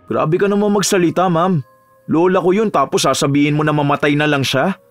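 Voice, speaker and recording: Brief: actor voicing a young male student, high-pitched, respectful but hot-tempered. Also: a little fast, faint music behind, lightly acted. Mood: indignant. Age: young adult. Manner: pleading, then indignant and cutting.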